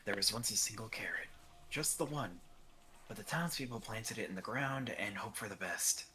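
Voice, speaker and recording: A woman voicing a quiet, wistful, mysterious young girl in a video game, soft-spoken and measured. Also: rumbling low, lively intonation, a little hiss or hum, exaggerated voice. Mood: calm, wistful.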